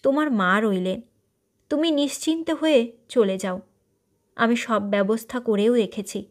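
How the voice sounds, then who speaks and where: A woman's voice: fairly high pitch, unhurried, close to an everyday voice. A woman voicing an ailing older wealthy man who speaks earnestly and persuasively in a story reading.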